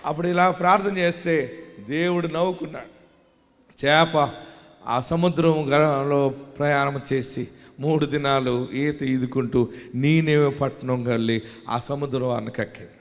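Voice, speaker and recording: Male pastor preaching, raised pitch, rallies the congregation, recorded in an echoing hall. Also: fairly even intonation, unhurried, pauses often. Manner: swings from quiet talk to loud shouting; calls on the congregation to shout hallelujah. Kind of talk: sermon. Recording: long hall reverb.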